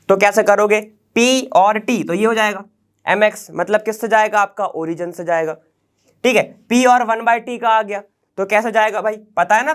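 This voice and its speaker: A man's voice: high voice, fairly bright tone. A man teaching a chemistry lecture for exam prep. He talks casually, mixes in English science terms, and keeps asking rhetorical questions and checking that students follow. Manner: conversational, peppers with rhetorical questions and "okay?" checks.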